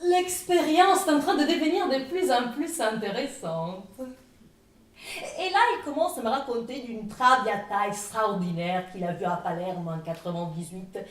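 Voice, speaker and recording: A distant mic in a reverberant room captures a woman with a fairly high voice moving at a moderate pace. She's an Italian-accented actress from northern Italy doing a one-woman show, and her dramatic, comic first-person monologue is delivered with great expressiveness.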